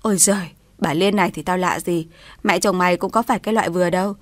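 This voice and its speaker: A woman reads as a blunt, gossipy older neighbor, rattling on quickly. The voice sounds low-pitched and dry, as in a close storybook recording. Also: fairly even intonation, no room sound, lightly acted.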